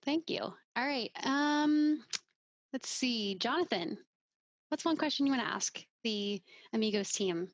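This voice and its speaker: A woman's voice: a little high, animated, unhurried, no room sound, lo-fi sound. A woman hosting a workshop on a video call, upbeat and chatty as she moves the discussion along. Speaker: session host.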